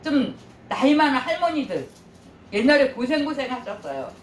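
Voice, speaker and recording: A woman's voice: sits high, big pitch swings, normal speed, slight background noise. An older woman pastor preaching in a chatty way, often asking the congregation questions and laughing. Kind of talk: sermon. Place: church sanctuary. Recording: echoey church from a distance.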